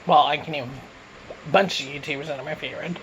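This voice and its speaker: A man's voice: on the high side, steady tone, quick pace, fairly bright tone, a little hiss or hum, poor audio. A man from Canada answering questions in a casual mukbang Q and A, talking with his mouth full as he eats, recorded on a phone. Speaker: YouTuber answering viewer questions.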